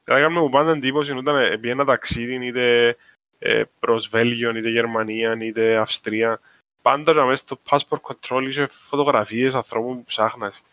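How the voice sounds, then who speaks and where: Speaking in a flat, slightly bright, mid-range voice with no echo, a Cypriot man with a Greek accent casually discusses social issues. He backs up his points with examples in an informal conversation.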